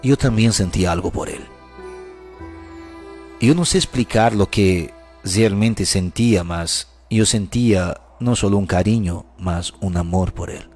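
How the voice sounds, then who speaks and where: A man's voice: low voice, a little slow, darkish tone. A man telling a first-person dramatic story in an emotional, heartfelt way. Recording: music playing under the voice.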